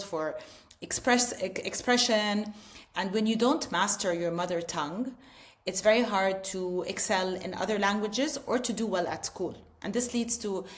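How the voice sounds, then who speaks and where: An earnest middle-aged woman, an edtech founder appearing as an interview guest, explains things in a casual interview conversation. Her mid-range voice is explanatory, with frequent restarts and "you know."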